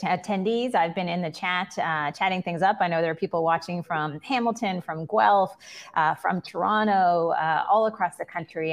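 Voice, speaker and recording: A woman in her forties moderating a virtual fireside chat, asking friendly, well-paced questions over a video call. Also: lowish voice. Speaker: interviewer, moderator.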